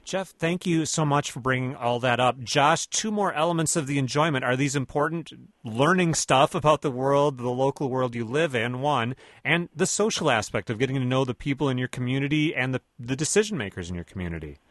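A man hosting a public-affairs radio call-in show, with a smooth, polished on-air delivery, speaking into a close studio microphone. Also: medium pitch, brisk, fairly bright tone, no room sound.

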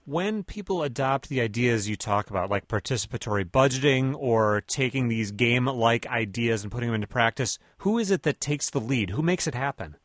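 Smooth-voiced male radio host, dry studio sound. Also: mid-range voice, animated, fairly quick, hardly any pauses, dry recording. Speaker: radio call-in show host. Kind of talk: hosting a public-affairs radio call-in show.

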